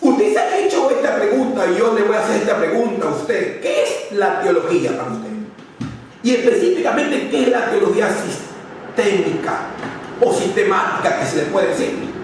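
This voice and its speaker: A man's voice: high-pitched, lively intonation, moderate pace. A man teaching a theology class as a Bible lecture, emphatic and repetitive, acting out the demon's lines. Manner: emphatic, repeats words, acts out the demon's lines. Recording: very echoey room, from far off, faint noise.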